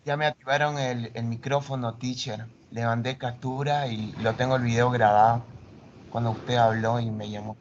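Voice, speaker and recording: A man's voice: medium pitch, level tone, brisk. A man, a Spanish-speaking student in an online class, answering hesitantly and briefly over a video call. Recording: dull lo-fi call with faint hiss.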